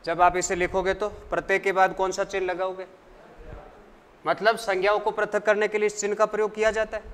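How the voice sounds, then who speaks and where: High-voiced teacher in an echoey room. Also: male voice, monotone, a bit bright, clean tone. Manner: asks the class questions and answers them himself; slow, deliberate explanation. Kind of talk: classroom lecture.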